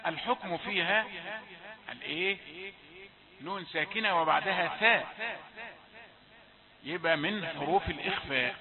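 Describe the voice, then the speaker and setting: High-voiced Egyptian man drilling recitation. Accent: Egyptian Arabic. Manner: repeats and drills single words to demonstrate pronunciation; chants verses slowly in a melodic recitation. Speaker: Quran recitation teacher. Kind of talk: recitation lesson with spoken explanation. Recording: tinny phone-like sound with a crowd audible behind.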